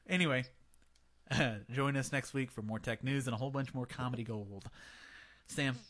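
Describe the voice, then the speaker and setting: A man's voice: medium pitch, lively intonation, normal speed, a bit bright. A man with a small lisp, co-hosting a tech podcast and wrapping up the episode in a joking, rambling way. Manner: jokey, rambling, laughs at his own jokes. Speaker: podcast co-host. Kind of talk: casual podcast sign-off chat.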